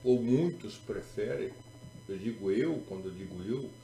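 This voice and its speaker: A Brazilian man preaches with emphatic repetition and sarcasm. His voice is gravelly and mellow, with a lively rise and fall. The sound is roomy, with faint music behind him. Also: lowish voice, unhurried. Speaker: pastor. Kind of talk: sermon. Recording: echoey room with faint music.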